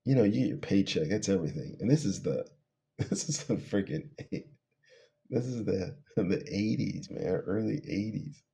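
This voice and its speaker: A man's voice: lowish voice, expressive, normal speed, creaky, dark tone. A middle-aged man casually telling a personal testimony, rambling and laughing between phrases as he trails off. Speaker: storyteller.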